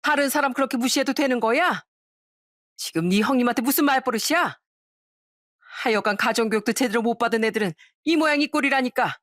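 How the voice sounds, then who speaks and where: Casting: a stern older mother-in-law, played by a woman, scolding loudly with a raised pitch. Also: a little fast, dry recording, clean studio sound, close to an everyday voice. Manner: scolding, shouting.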